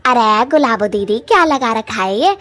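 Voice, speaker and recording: A woman's voice: on the high side, lively intonation, moderate pace, fairly bright tone. A woman doing a nagging, folksy cartoon mother. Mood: pleading. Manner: nagging, rustic folksy speech. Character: middle-aged mother, fussy and gossipy.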